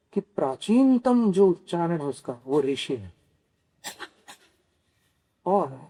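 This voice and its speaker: A man giving a scripture sermon as a monk, teaching slowly, asking his listeners questions and carefully spelling out how words are pronounced. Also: high-pitched, dark tone. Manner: slow, teaching, poses questions to listeners and answers them. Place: Kolhapur.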